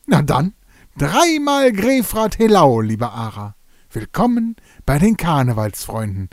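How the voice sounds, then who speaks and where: A man's voice: on the high side, big pitch swings, a little slow, no room sound, studio quality, voice pushed up. A man doing a kindly ceremonious carnival jester. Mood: festive. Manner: gentle, ceremonious. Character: warm, kindly male carnival jester spirit.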